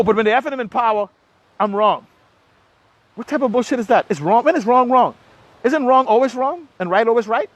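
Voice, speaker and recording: Speaking with a Bahamian accent, this man has a notably high voice for a male and comes across as an impassioned political commentator. He's emphatic, pressing each point with repetition and pointed rhetorical questions.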